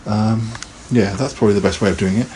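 A man's voice: on the low side, fairly even intonation, fast talker, warm tone, a little hiss or hum. A man hosting a casual live podcast, chatting in a rambling way and laughing often. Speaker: podcast host.

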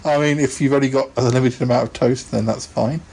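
A man's voice: mid-range voice, fairly even intonation, fairly quick, gravelly, a little mellow, slight background noise. A man hosting a casual live podcast, chatting in a rambling way and laughing often. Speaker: podcast host.

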